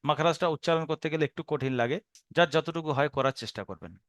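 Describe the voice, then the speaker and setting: A man teaching where Arabic letters are pronounced, patiently repeating and demonstrating each sound slowly, with a Bengali accent. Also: a little high, dry recording. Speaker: Quran recitation teacher. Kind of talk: explaining Arabic letter pronunciation.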